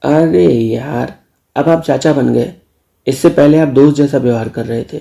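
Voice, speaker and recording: A man's voice: medium pitch, measured pace, vocal fry, mellow. Man doing a cheeky young nephew. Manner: cheeky, defiant.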